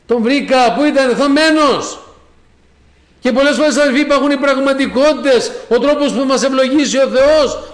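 A man's voice: very high-pitched, reverberant. A man preaching a sermon with fervour, speaking to the congregation as brothers and sisters and often crying amen and hallelujah. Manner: fervent, peppered with amen and hallelujah; addresses listeners as brothers and sisters.

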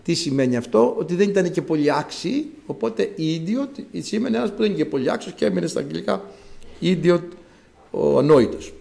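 A man preaching a sermon, telling a story and shifting between loud exclamations and soft asides. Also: fairly high pitch, lively intonation, vocal fry.

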